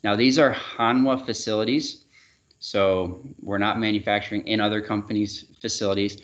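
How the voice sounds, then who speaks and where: A man giving a relaxed sales presentation over a video call, with frequent fillers and restarts. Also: lowish voice, moderate pace. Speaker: regional sales manager presenting a webinar. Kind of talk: casual product presentation. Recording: dull, muffled webinar audio.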